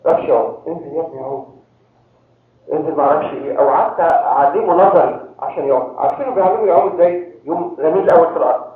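Egyptian priest preaching, quick and high-voiced, keeps quizzing the crowd; heavy echo, phone-thin sound. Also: male voice. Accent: Egyptian Arabic. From Egypt (Cairo). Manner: quizzes the audience with rhetorical questions. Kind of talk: sermon to a congregation. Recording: very echoey tinny phone-like hall recording.

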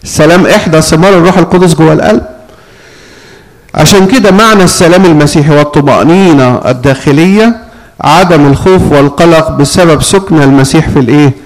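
A man's voice: on the high side, fast, poor audio. A man with an Egyptian accent preaching a sermon as a priest, often asking the congregation to complete his phrases. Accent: Egyptian Arabic. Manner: call-and-response questions to the congregation.

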